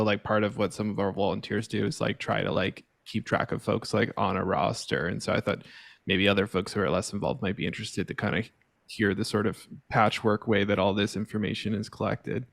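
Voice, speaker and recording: A man in the audience puts a long question to the speaker. He hesitates often and leans on fillers. His voice is low and flat in pitch, and the sound is dry, with no room echo. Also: creaky. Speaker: audience member asking a question.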